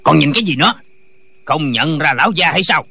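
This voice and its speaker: A woman voicing an arrogant, bullying military officer who barks orders in a lowered voice. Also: expressive, brisk, gravelly, breathy edge, full character voice. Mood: barking. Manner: barking, shouting orders.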